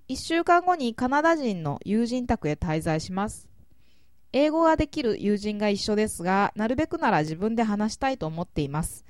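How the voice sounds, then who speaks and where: A woman hosts a language-learning show and answers listener questions. She is polite and measured and often pauses on fillers, and her pitch moves in a lively, animated way. She is recorded close and dry, with no room sound. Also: dry recording. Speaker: English learning podcast host.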